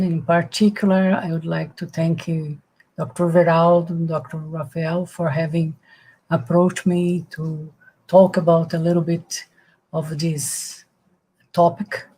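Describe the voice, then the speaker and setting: Slow-spoken older woman, low mellow voice, halting English. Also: low-quality recording. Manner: hesitant, modest, halting non-native English. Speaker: senior researcher giving a talk. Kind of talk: academic talk, unscripted opening.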